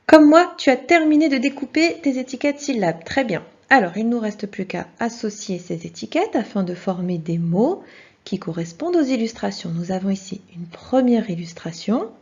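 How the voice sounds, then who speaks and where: A woman's voice: mid-range voice, darkish tone, slightly rough. A woman teaching a children's video lesson, speaking patiently and encouragingly and addressing the child directly. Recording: dull lo-fi sound.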